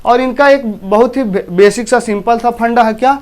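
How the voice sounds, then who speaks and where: High-voiced man from eastern Uttar Pradesh teaching. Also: moderate pace, clean tone. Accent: Hindi, from eastern Uttar Pradesh. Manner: repeats himself, asks the class questions. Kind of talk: classroom lesson.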